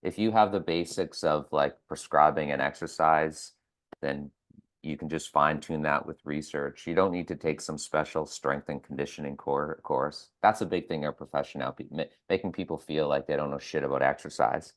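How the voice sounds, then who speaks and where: A man's voice: rumbling low, fairly even intonation, moderate pace. A man, a physiotherapist and educator, guesting on a casual podcast, talking bluntly, swearing and often starting over.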